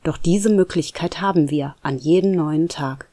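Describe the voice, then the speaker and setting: A storyteller reading a reflective story in calm scripted narration, turning to address the listener directly. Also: medium pitch, normal speed, no echo.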